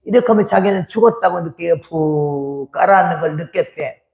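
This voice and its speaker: Elderly woman missionary in her 80s, gravelly, voices family members while telling her testimony. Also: fairly low pitch, moderate pace, highs cut off. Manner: lively storytelling, acting out family members' quoted speech. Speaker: missionary preacher. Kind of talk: testimony sermon.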